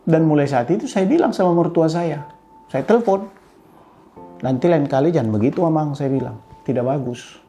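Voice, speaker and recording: An older man with a lilt in his tells a story to a gathered audience. His voice is mellow and warm, and it leaps up in pitch as he acts out the scenes. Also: moderate pace, soft background music. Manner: animated retelling with pitch jumps and chuckles. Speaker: speaker addressing an audience. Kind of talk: storytelling talk.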